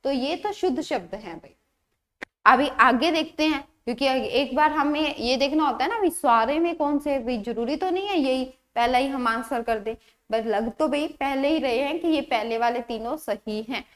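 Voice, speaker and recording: High-voiced woman teaching grammar. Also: expressive, moderate pace, fairly bright tone. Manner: explains patiently, repeats words, asks rhetorical questions. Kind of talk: exam-prep grammar lesson.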